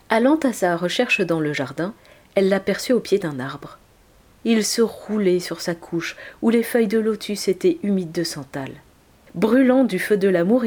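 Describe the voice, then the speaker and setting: A woman reading an old tale aloud in a soft, measured way, at times near a whisper. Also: fairly low pitch. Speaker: narrator.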